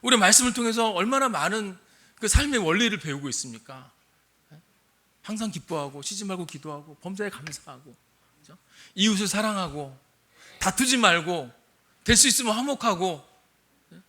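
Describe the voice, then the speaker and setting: A man's voice: sits high, expressive, normal speed, pauses often, pushed and bright. An older man, a missionary pastor, preaching a sermon and asking his congregation questions. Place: church sanctuary.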